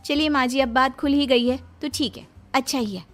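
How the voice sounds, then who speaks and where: Cartoon daughter-in-law, young and sly, whiny, bright high voice , voiced by a woman. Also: normal speed, soft background music. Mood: cheeky. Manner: coaxing, whiny over mangoes. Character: young mango-loving daughter-in-law, cheeky.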